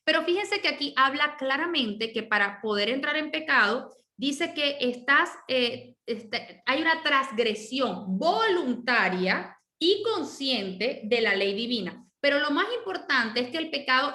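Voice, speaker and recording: A high, bright-toned woman pastor teaches her congregation. She explains patiently and keeps checking in with a quick "ok?". Her voice rings in a roomy, echoing space. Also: expressive. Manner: checks in with the listeners with a frequent "ok?"; explains patiently and repeats her key points. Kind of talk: teaching sermon. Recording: roomy echo.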